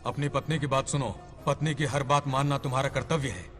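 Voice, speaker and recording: A man's voice: mid-range voice, steady tone, brisk, fairly bright tone, lightly acted. A man plays a stern god speaking in grave, formal tones in a dubbed film. His voice carries a long hall reverb over faint music. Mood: solemn. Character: solemn male god, stern ruler of heaven. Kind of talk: Hindi film dub.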